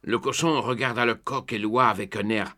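A man's voice: mid-range voice, normal speed. Man narrating a storybook tale. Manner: lively, expressive reading. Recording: faint background music.

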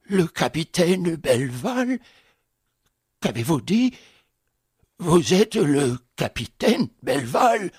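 Man playing a frightened old male concierge, stammering, high shrill questions, slow. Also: sing-song, darkish tone, breathy edge, no echo, clean studio sound, heavily acted. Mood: incredulous. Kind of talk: audiobook character voice.

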